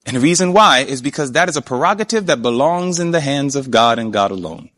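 A man preaching a sermon, emphatic, often asking his listeners questions and slowing down to stretch key words. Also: mid-range voice, lively intonation, fairly bright tone. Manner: emphatic, asks the audience questions.

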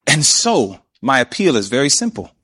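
A man preaching a sermon, emphatic, often asking his listeners questions and slowing down to stretch key words. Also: mid-range voice, very animated, bright, forceful tone, husky. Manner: emphatic, asks the audience questions.

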